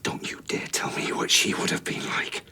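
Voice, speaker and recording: An actor playing a bitter, grieving man with a gravelly, breathy rasp, in a TV soap. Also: normal speed, in a whisper, natural voice. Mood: bitter, seething. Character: bitter, grieving man confronting one who wronged him. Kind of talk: naturalistic TV soap acting.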